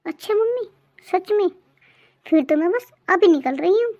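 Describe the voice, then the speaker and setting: A woman voicing an eager young married daughter in a cartoon family drama, talking in a chirpy, excited way. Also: very high voice, moderate pace, dull audio.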